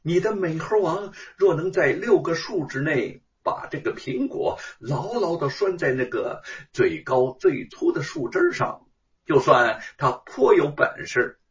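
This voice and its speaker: Man doing a high shrill palace consort, imperious, lively swings in pitch, dull distant lo-fi sound. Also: a little slow. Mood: scornful. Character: haughty spoiled imperial consort, woman.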